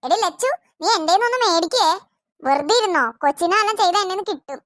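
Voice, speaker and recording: A woman's voice: very high voice, lively intonation, fast, fairly bright tone, dry recording, clean studio sound. A woman voicing an exasperated mother in a family cartoon who scolds her children. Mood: scolding. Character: scolding harried cartoon mother of several kids.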